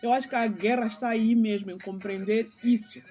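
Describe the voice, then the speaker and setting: A woman's voice: on the high side, steady tone, brisk, warm tone. A middle-aged woman speaks earnestly to her channel's followers, as if preaching. Her speech has a slight lisp and she leans on rhetorical questions. Music plays behind her voice. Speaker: channel host. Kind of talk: spiritual commentary vlog, speaking off the cuff.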